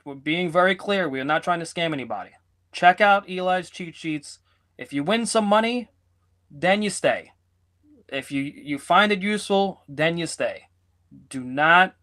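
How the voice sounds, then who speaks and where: A man's voice: fairly high pitch, a bit bright. A man co-hosting a sports betting podcast in casual banter, joking around, rambling and teasing his partner.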